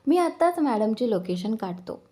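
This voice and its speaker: A woman's voice: a little high, very animated, normal speed, warm tone. Woman reading as a dutiful male assistant. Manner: respectful, dutiful.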